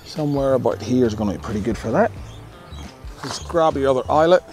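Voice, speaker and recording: A man's voice: mid-range voice, animated, brisk, darkish tone, soft background music. Enthusiastic Australian man outdoors. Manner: enthusiastic, chatty, restarts often. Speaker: camping gear reviewer. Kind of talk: casual outdoor product review. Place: outdoor campsite among trees.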